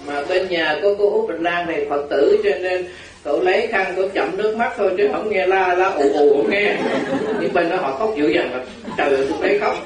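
A Buddhist monk delivers a dharma talk full of folksy, teasing anecdotes. His voice sits high for a man. It is captured from a distance in a reverberant hall with a crowd. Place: large hall with an audience. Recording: echoey hall, crowd laughter, distant mic.

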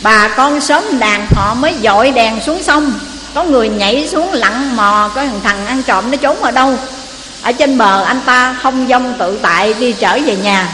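A woman's voice: on the high side, a little slow. Woman telling a moral tale in an echoing hall. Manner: lively storyteller, addresses the audience often. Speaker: preacher. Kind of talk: moral storytelling sermon. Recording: echoey hall, faint noise.

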